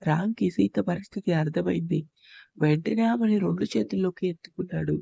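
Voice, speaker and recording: A woman narrating an emotional love story in a steady storytelling manner. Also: lowish voice, a little fast, vocal fry, husky, dry recording, lo-fi sound. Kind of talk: scripted audio-story narration.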